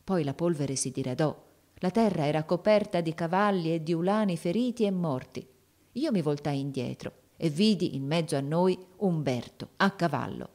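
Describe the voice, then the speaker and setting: Expressive woman reading an audiobook. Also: fairly low pitch. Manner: expressive reading, voicing the characters' shouts. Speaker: audiobook narrator. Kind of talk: scripted narration of a classic novel.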